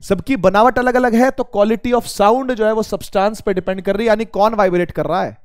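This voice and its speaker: Male teacher, high voice, dry close sound, casual physics lesson, asks and answers own questions, slightly strained throat. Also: brisk, dry recording. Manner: addresses students as beta, asks and answers his own questions.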